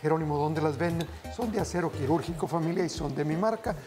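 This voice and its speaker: Fast-talking, with a voice on the high side, a middle-aged man hosts a TV cooking show on a studio kitchen set. Background music plays as he explains every step and chats with viewers like family.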